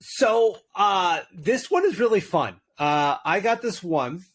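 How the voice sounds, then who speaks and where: A man's voice: sits high, lively intonation, slow, a bit bright. A man co-hosting a tabletop game podcast, chatting eagerly with many fillers and narrating a dramatic scene. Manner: enthusiastic, with frequent fillers. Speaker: podcast co-host and game master. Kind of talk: casual chat and dramatic narration.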